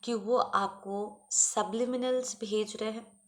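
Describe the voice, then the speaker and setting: A woman's voice: medium pitch, steady tone, very slow. A woman reading messages to her viewers as a clairvoyant, in Hindi mixed with English, often checking in with "theek hai" and reading out letters and numbers one at a time. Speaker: clairvoyant reader. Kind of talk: channeled tarot-style reading to viewers.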